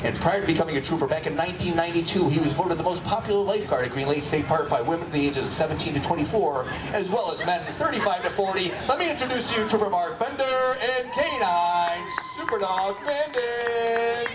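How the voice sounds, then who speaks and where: A man's voice: high-pitched, lively intonation, brisk, hardly any pauses. A man announcing a live police dog demonstration with playful, showman-like commentary. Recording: distant echoey PA, loud crowd noise.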